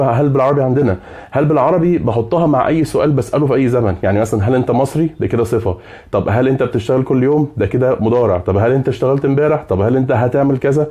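A man's voice: mid-range voice, mellow. A man with an Egyptian Arabic accent giving a grammar lesson as a teacher, checking in often with his listeners. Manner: checks in often with "okay?" and "right?". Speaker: English teacher.

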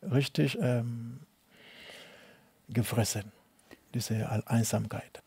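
Interviewee: man from Cameroon, middle-aged, non-native speaker; rough, dry-sounding voice, halting and repetitive delivery. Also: medium pitch, fairly even intonation, mellow, dry recording. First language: not German. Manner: halting, repeats words, broken German. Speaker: interviewee, tennis coach. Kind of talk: personal testimony interview.

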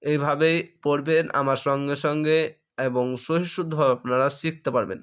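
A man teaching Quran reading, spelling each syllable aloud and then joining them, with drawn-out chanting of verses. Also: fairly high pitch, steady tone, smooth. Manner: drawn-out melodic recitation of verses. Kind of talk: slow letter-by-letter Quran spelling lesson.

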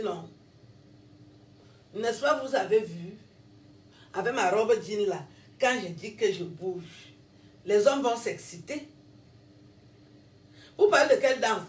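Scolding Cameroonian woman, echoey and distant. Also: on the high side. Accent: Cameroonian French. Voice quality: scolding, repeats herself, laughs between lines. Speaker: social media personality. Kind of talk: self-filmed rant to followers.

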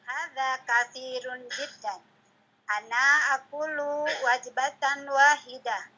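A woman student reading an Arabic dialogue aloud in an online class, slowly and carefully. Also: high-pitched, steady tone, bright, forceful tone, slightly rough, muffled recording.

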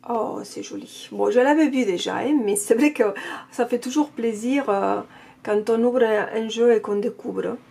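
A woman's voice: on the high side, unhurried, creaky, mellow, a little hiss or hum. A woman with a non-native French accent chatting casually as she unboxes and reviews an oracle card deck. She gushes and keeps repeating her praise.

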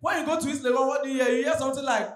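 A young Ghanaian man performing an animated, exclamatory stand-up comedy routine on stage through a handheld microphone. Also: extremely high pitch, rapid-fire. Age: young adult. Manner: animated, exclamatory, acting out characters and street calls. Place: large hotel hall with seated audience, on stage. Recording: echoey hall PA with faint noise.

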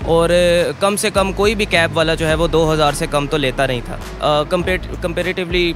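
Man interviewee, slightly high voice, stop-start phrasing, music bed. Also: steady tone. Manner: halting, searching for words. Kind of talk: on-camera interview. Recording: background music under voice.

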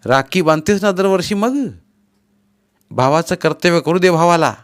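A man's voice: mid-range voice, moderate pace, smooth, voice pushed up, natural voice. A male narrator voicing a generous brother who insists on helping his sister, in a raised, persuading voice. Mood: insistent.

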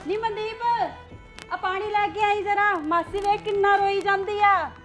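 A woman plays a scheming young woman in a family drama, high-voiced, who pries and spreads gossip. Her talk has a mocking, meddling edge. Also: fairly even intonation, moderate pace, a bit bright, soft background music. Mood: prying. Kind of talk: Punjabi short film acting.

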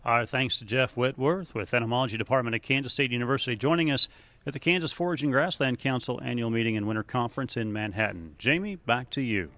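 A man who is a farm radio correspondent, introducing a guest and asking questions in a brisk broadcaster delivery, holding a handheld mic in an office. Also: medium pitch, fairly bright tone. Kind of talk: interview hosting. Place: office with windows and plants, indoors.

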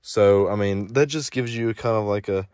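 A man's voice: fairly low pitch, normal speed, darkish tone, no room sound. A young man, vlogging casually from inside his pickup truck, rambling with lots of fillers. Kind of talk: casual vlog narration.

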